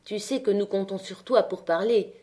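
A woman's voice: medium pitch, normal speed, mellow, close to an everyday voice. A woman voicing an eager, encouraging young miner. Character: eager young male miner, fiery speaker.

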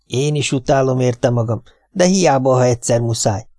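A man voicing an anxious, whining middle-aged wife in an audiobook, with a tearful, pleading, high voice. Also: mellow, no echo, studio quality, natural voice. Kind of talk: audiobook character voice.

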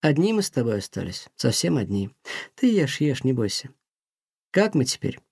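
A man voicing an aging museum director who sighs and speaks softly and kindly. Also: medium pitch, very animated, moderate pace, gravelly, slightly rough, no echo, clean studio sound, exaggerated voice. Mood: sad, sighing. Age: older. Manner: sighing, soft-spoken, talks kindly to a mouse. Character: weary aging male museum director, gentle and sad.

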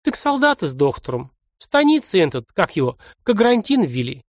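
A man's voice: high voice, big pitch swings, fairly quick, no room sound, clean studio sound, pitched above the performer's own voice. A man reading aloud and voicing a tearful, fussing old village grandmother with a folksy, doting way of talking.

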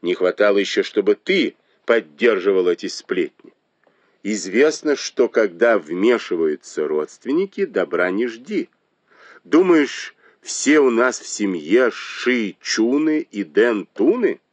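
A man reading aloud and voicing a shrewd, sharp-tongued noblewoman who scolds and mocks her husband. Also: fairly low pitch, big pitch swings, slow, dry recording, exaggerated voice. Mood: indignant. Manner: mocking, reproachful.

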